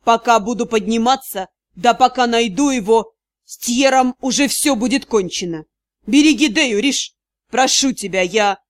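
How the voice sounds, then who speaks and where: A weary male magister growls out his curt, tired lines in a lowered voice, as a woman reads him. The storybook sound is dry and close. His tone stays grim and clipped. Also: normal speed, dry recording.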